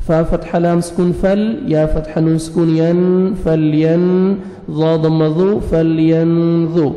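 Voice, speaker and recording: A man teaching Quran reading. He spells out letters and vowel marks one by one, then recites each word slowly in a drawn-out chant. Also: a little high, fairly even intonation, mellow. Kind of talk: slow spelled-out recitation lesson. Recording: echoey room with long reverb.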